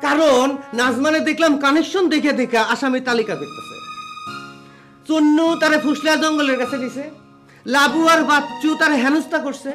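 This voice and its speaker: A man's voice: extremely high pitch, steady tone, moderate pace, fairly bright tone, soft background music. An actor playing a middle-aged, belligerent drunk village father in a comic TV drama, ranting sarcastically in a rural Bangladeshi accent. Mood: sarcastic.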